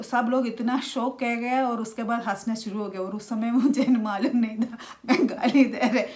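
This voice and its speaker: A woman, talking casually to camera in a halting way with many restarts. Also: a little high. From India. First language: Malayalam. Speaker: vlogger.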